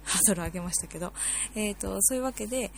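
A woman's voice: medium pitch, very fast, vocal fry, slight background noise. A woman hosting a casual solo podcast, rambling with many fillers and self-corrections. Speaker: podcast host.

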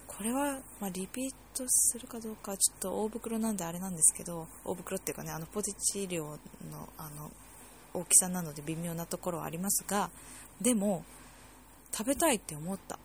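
Low-voiced woman with a gravelly edge, rambling through her podcast, faint hiss behind. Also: brisk, darkish tone. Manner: rambling, many fillers and self-corrections. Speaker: podcast host. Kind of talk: casual solo podcast chat.

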